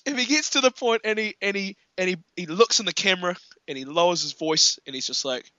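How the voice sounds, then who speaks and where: A man in casual film chat, animated, laughing often and acting out quotes. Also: high voice, quick pace, no room sound, muffled recording.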